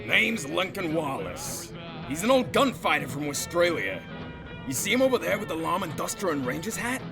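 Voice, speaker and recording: Playing a folksy, wisecracking barkeep in a space-western saloon, a man drawls theatrically like a showy salesman, wry and gossipy in mood. His gravelly voice is fairly high, very animated and at a normal speed. Music plays beneath him.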